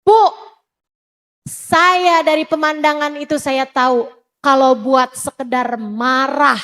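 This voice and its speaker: A woman's voice: sits high, steady tone, slow, a bit bright. A woman preacher giving an emphatic sermon to women, addressing them directly and repeating her points. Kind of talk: sermon to a women's study group.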